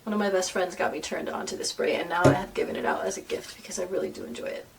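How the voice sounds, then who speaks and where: A woman's voice: on the low side, big pitch swings, very fast, creaky. A chatty, self-deprecating woman talks her way through a makeup routine at home, wandering off on side comments. Her voice sits a little back from the microphone, and there is a faint hiss underneath. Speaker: beauty vlogger. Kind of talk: casual chat while doing makeup. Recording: voice a bit far from the mic, faint noise.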